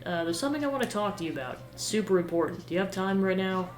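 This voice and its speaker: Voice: medium pitch, lively intonation, fast, close to an everyday voice. A game player reading a whiny, eager teenage boy. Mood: eager, sheepish. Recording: roomy echo with game music behind.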